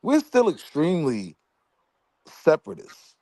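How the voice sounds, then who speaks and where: A man's voice: a little high, wildly swooping pitch, unhurried, mellow, dry recording. A man calling into an open panel who argues his view earnestly in slangy casual speech. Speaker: panel caller. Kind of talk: casual debate.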